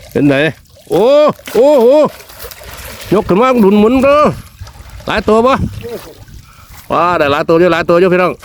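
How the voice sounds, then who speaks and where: A man's voice: on the high side, slight background noise. A man with a northeastern Thai accent giving exclamatory outdoor vlog commentary, repeating short phrases as he goes. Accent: northeastern Thai (Isan). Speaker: vlog host. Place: outdoors in the countryside.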